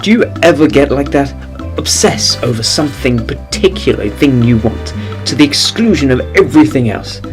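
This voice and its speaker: A man voicing a bubbly young woman excited about her date, breathless and chirpy. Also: mid-range voice, normal speed, hardly any pauses, music in the background, lightly acted. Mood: giddy.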